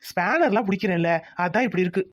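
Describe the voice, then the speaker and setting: A woman voicing a gentle, devoted young village husband who works as a mechanic. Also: medium pitch, natural voice. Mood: tender. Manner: gentle, reassuring, quick talk. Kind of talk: cartoon voice acting.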